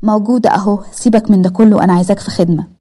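A scheming, jealous young woman with an Egyptian accent, as the storyteller reads her, sharp and dismissive. The voice is husky and mellow, and it moves fast. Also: mid-range voice, fairly even intonation, natural voice. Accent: Egyptian Arabic.

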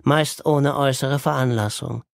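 A man's voice: normal speed, gravelly, no room sound, clean studio sound, natural voice. A man voicing an agitated, theatrical male psychiatric patient in an audiobook, declaiming and mocking in a raised voice. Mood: reciting. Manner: declaiming, mocking, pitched up excitedly. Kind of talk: audiobook character reading.

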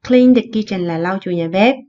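A woman teaching an English lesson, explaining words in Vietnamese and slowly repeating the English phrases. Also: medium pitch, warm tone, muffled recording. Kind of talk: recorded online lesson explaining vocabulary.

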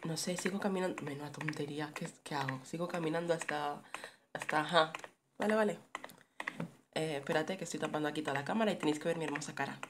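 A woman's voice: deep voice, quick pace, background noise. A young woman from giving sarcastic, jokey running commentary while playing a horror game. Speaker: gaming streamer. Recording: keyboard clicks behind the voice.

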